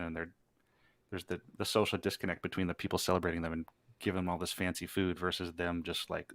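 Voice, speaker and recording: Brief: male navy veteran, very deep voice, dry close recording, chatty. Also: a bit bright, no echo. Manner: laughs along, chatty, agreeing. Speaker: former submarine missile crewman. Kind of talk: casual storytelling chat.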